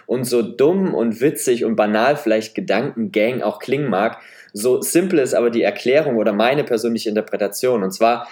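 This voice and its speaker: At a moderate pace, a podcast host in his 20s from Leipzig in eastern Germany talks in a mid-range, slightly mellow, nasal voice. His slight Saxon German accent comes through in a chatty, self-deprecating, semi-scripted solo monologue recorded on a podcast mic.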